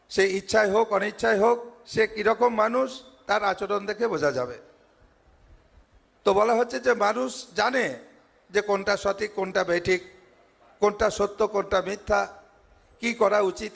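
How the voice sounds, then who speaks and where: A man with a high, gravelly voice preaches to devotees, earnest and patient, building each point through repeated parallel phrases. His words ring out with the long reverb of a large ashram hall. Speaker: monk giving a speech at a devotee gathering. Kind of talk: devotional sermon.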